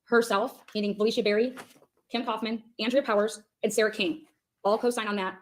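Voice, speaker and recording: A woman's voice: fairly high pitch, fairly even intonation, poor audio. A woman representing herself in court, firing off repeated questions at a witness. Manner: rapid-fire, repetitive questions.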